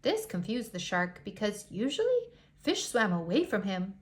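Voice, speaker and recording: Reading to small kids from a picture book, this woman keeps her pitch medium and her delivery lively, adding dramatic emphasis on purpose.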